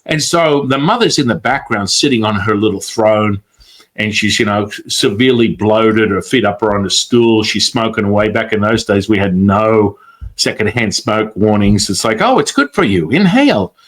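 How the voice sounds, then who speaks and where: A man, a guest on the show, telling a story in casual talk, animated and quick to act out quotes, with frequent swearing. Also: lowish voice.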